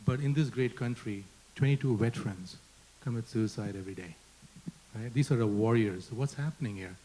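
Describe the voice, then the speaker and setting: Man, Indian accent, panel moderator, earnest, rhetorical questions, warm tone, slightly husky. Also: mid-range voice, a little fast, poor audio. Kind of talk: panel discussion.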